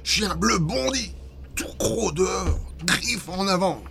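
Expressive male storyteller. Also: sits high, takes it slowly, creaky, over a noisy crowd. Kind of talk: scripted story narration.

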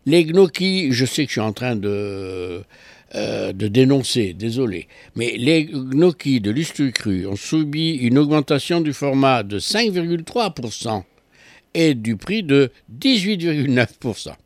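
A man's voice: medium pitch, big pitch swings, a little slow, no room sound. A man giving a consumer affairs column on local radio, explaining with ironic asides.

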